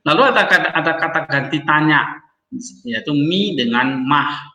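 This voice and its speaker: A man's voice: on the high side, expressive, normal speed, pushed and bright, echoey room, lo-fi sound. A man teaching a grammar lesson, explaining step by step and checking in often with his students. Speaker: Hebrew teacher.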